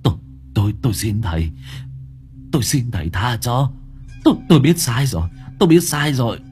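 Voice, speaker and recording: A man's voice: deep voice, animated, fairly quick, fairly bright tone, soft background music, voice pushed down. A man voicing a demon-possessed husband who snarls threats and stammers when afraid in an audio storybook. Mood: cowering.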